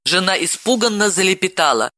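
Выразительный мужской голос чтеца. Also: male voice, high-pitched, fairly quick, no echo, clean studio sound. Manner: expressive, dramatic reading. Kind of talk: audiobook narration.

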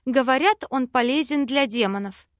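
A giggly, mischievous young woman from a fantasy storybook, as the reader lifts her own voice. She speaks a bit higher and brighter than the narration, playful and teasing, and the recording is dry and close. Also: moderate pace, dry recording, lightly acted.

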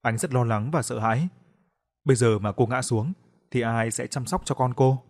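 A man narrating a scripted ghost story in a steady, mournful storytelling manner. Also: medium pitch, normal speed.

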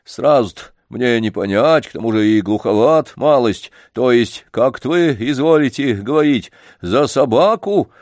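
A man's voice: mid-range voice, animated, measured pace, few pauses, no room sound, clean studio sound, pitched above the performer's own voice, lightly acted. A man voicing an old, humble but dignified street organ grinder, deferential and folksy. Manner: deferential, folksy, quietly stubborn. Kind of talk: audiobook character reading.

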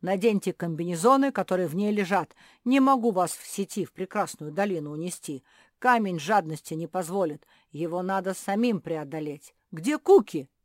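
A woman doing a loud, kind rescuer bear. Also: lowish voice, expressive, moderate pace, no room sound, clean studio sound, close to an everyday voice. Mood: shouting, reassuring. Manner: shouting urgent reassurance.

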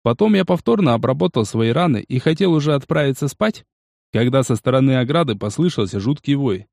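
A man narrating a first-person audiobook in a steady, measured way. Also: mid-range voice, gravelly, dry recording, clean studio sound.

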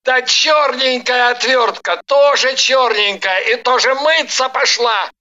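A woman voicing an irritable young man who keeps shouting in exasperation, in a story reading. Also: a little high, animated, takes it slowly, muffled recording, voice pushed up, full character voice. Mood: exasperated.

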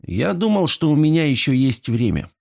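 A man's voice: a little high, moderate pace, vocal fry, pitched above the performer's own voice. A man voicing a gloomy young man who has just fallen in love. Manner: gloomy, deadpan.

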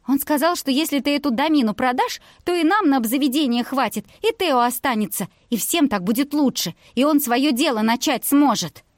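A woman voicing a spoiled young daughter who protests in a high, squealing voice. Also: animated, a little fast, few pauses, dry recording, studio quality. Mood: protesting.

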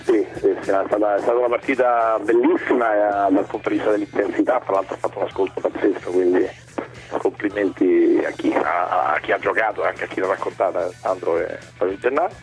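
A man's voice: low-pitched, steady tone, brisk, soft background music. A man co-hosting sports radio, giving conversational football analysis and repeating words as he builds his points. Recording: dull lo-fi radio sound.

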